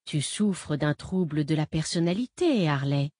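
A smooth, condescending impostor father, put on by a woman narrating a novel, speaks low and hushed. He soothes and talks down with unsettling calm. The recording is close and dry. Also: measured pace, no echo. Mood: patronizing. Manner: soft, patronizing, soothing.

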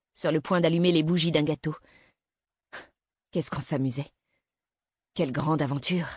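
Low husky woman reading a story. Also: a little mellow, no echo, studio quality. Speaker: audiobook narrator. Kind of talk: scripted narration.

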